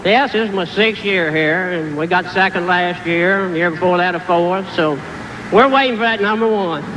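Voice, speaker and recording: A man's voice: high-pitched, normal speed, fairly bright tone. A man, a tractor puller, answering modestly and plainly in a trackside interview. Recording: noisy, echoing arena.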